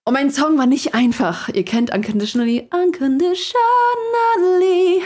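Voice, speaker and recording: Young woman, interview guest: casual, animated, laughing storyteller. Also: fairly high pitch, fairly quick, slightly rough. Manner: chatty and lively, many fillers, laughs while telling. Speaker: guest, singer.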